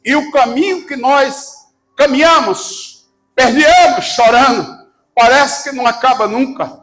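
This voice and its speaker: A Brazilian man preaching a sermon as pastor, fervent and shouting, calling the congregation to answer back. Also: extremely high pitch, measured pace, rough recording. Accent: Brazilian Portuguese. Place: church service.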